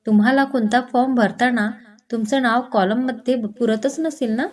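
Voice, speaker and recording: A woman's voice: a little high, moderate pace, a little mellow, close to an everyday voice. A woman voicing a playful, childlike young woman who teases and forgets things, in a spoken storybook. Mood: teasing. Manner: teasing, giggly, scatterbrained.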